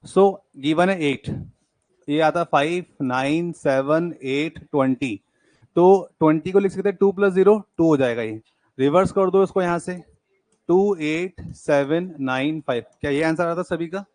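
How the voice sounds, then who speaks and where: A young male teacher runs a live coaching class, counting through numbers aloud in a brisk, encouraging way. His voice sits a little high for a man, and the sound is close and dry. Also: a little mellow, no room sound.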